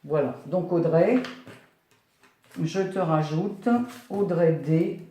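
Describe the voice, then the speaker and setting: Chatty older woman, mellow roomy voice. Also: sits low, slow. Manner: chatty, rambling, many fillers and "voilà". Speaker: scrapbooking YouTuber. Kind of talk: casual chat while opening mail. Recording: echoey room.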